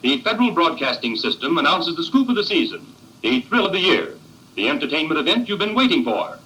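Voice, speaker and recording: Excitable, bright 1930s radio announcer. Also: male voice, fairly high pitch, a little fast, poor audio. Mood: excited build-up. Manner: breathless, showy build-up. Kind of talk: old newsreel and radio announcing.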